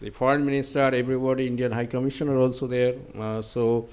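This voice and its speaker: A man answering audience questions at a conference, speaking haltingly with many fillers and restarts. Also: medium pitch, little pitch movement, a little mellow, smooth.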